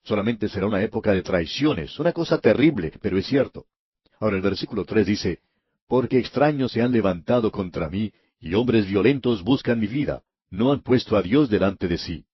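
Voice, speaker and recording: Radio preacher, male, low husky voice, earnest and emphatic, dry dull lo-fi recording. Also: expressive, moderate pace, no echo. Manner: earnest, emphatic, addresses the listener directly. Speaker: radio Bible teacher. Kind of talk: radio Bible teaching.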